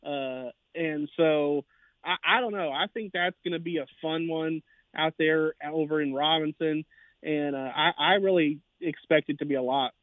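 Brief: higher-voiced man calling in by phone, sports writer guest, rambling and filler-heavy, dry sound. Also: steady tone, normal speed, dry recording. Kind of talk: casual sports talk. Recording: tinny phone line.

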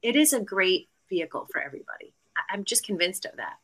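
A middle-aged woman talks as a guest on a podcast interview. Her voice is bright and forward, with a middle pitch. She is chatty and rambles through stories with frequent fillers and restarts. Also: very animated, fast talker, poor audio. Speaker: guest real estate agent.

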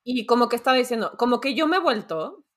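A woman's voice: fairly high pitch, animated, fast talker. A Mexican woman in her thirties hosting a podcast, talking frankly and with slang in casual chat. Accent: Mexican Spanish. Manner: frank, slangy, loose talk. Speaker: podcast host.

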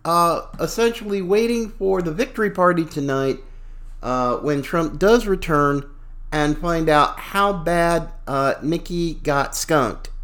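A man's voice: a little high, slow, fairly bright tone. A man hosting a talk show with casual, folksy, opinionated and slangy political commentary.

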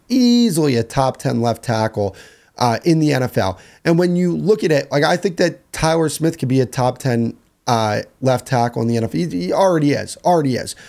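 A young man with a hoarse, medium-pitched voice and a darkish tone hosts a solo sports podcast. His delivery is casual and rambling, and he tends to repeat phrases.

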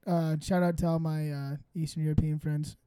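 A man's voice: on the high side, flat delivery, moderate pace, mellow, clear, resonant tone, no echo. A man co-hosting a podcast, joking around in casual, profane banter. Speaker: podcast co-host.

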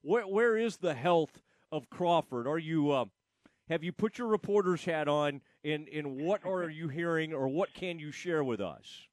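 A man's voice: a little high, expressive, no room sound. Man hosting sports radio, close, dry sound. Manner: rambling, halting, with frequent false starts. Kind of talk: casual sports radio chat.

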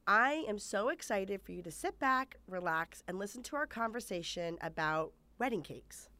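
Female podcast host, lively swinging pitch, enthusiastic interviewer. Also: normal speed, no room sound. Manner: enthusiastic, animated, lots of fillers.

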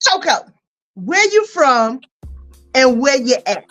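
A woman from North Carolina, hosting a casual chat podcast in a loud, playful, slangy way. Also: high voice, sing-song, slow pace, soft background music. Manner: loud, playful, chatty, drops into Southern slang. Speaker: podcast host.

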